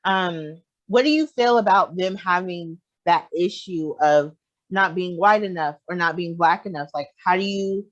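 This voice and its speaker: A young podcast host asking long, rambling questions in a relaxed way, with many fillers. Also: mid-range voice, measured pace. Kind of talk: casual podcast interview. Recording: dull lo-fi sound.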